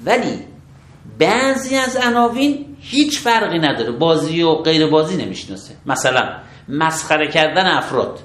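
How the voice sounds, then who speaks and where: A man, a religious law scholar, explaining rulings step by step in an interview, measured and methodical. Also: fairly high pitch, very animated, fairly bright tone, roomy sound. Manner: measured, methodical, affirms with short approvals.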